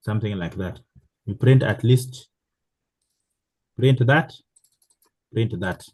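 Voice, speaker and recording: Slow, halting man teaching a class. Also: fairly low pitch, darkish tone, husky, dry recording. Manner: slow, halting, many fillers and restarts. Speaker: programming teacher. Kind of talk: live online class instruction.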